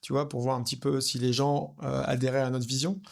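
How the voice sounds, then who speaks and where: A man's voice: mid-range voice, flat delivery, brisk, gravelly. A man in his fifties from France, chatting casually in an interview as a watch brand founder, rambling with many fillers and restarts. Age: 50s.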